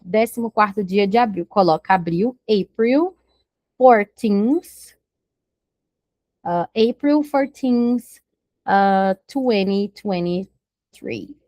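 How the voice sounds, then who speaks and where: Woman teaching English, patient, slows down on English words, Portuguese native speaker, dry close sound. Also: medium pitch, a little mellow, no room sound. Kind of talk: language lesson.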